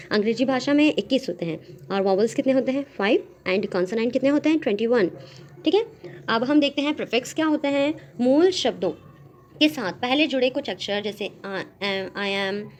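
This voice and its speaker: A woman teaching English grammar in Hindi from slides, explaining each term and then reading out English examples slowly, with frequent "theek hai" and "okay" check-ins. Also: a little high, darkish tone.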